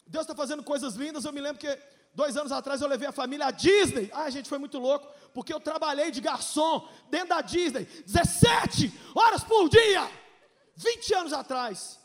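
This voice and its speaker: A Brazilian pastor in his forties, his voice very high, preaches his testimony at a moderate pace with lively intonation. Long hall reverb fills the sound. He tells his story with emotion, going from shouting to hushed asides and joking along the way.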